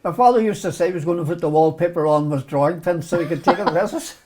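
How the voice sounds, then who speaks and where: Speaking fast in a slightly high, darkish voice, this retired doctor looks back on his life during an interview. He's an older Belfast man from Northern Ireland who keeps poking fun at himself and chuckling.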